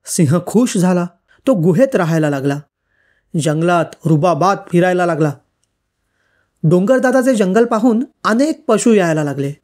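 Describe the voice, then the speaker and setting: A woman reading an old school-textbook story for children aloud, in a lilting, expressive storybook manner. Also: fairly low pitch, moderate pace.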